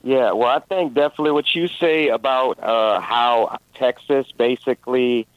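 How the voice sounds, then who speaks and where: A young man's voice comes through a thin, phone-like line, dry and close, with no room around it. He talks at a middling pitch in a friendly, halting way, pausing often on fillers as a radio call-in caller. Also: no room sound. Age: young adult. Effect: heard over a phone line. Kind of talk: casual call-in chat.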